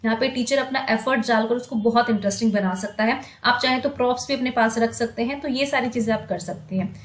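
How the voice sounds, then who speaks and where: A high-pitched woman teacher who sings and recites children's poems slowly, then switches to brisk, chatty explanation. Her voice carries a noticeable echo, as if recorded in a bare room. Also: steady tone. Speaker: teacher trainer. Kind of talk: demo poem teaching, sung and recited.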